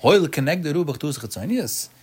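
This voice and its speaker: A man giving a traditional Talmud study lecture, in a sing-song, emphatic delivery with animated rises. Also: on the high side, brisk, breathy edge. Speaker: Talmud teacher.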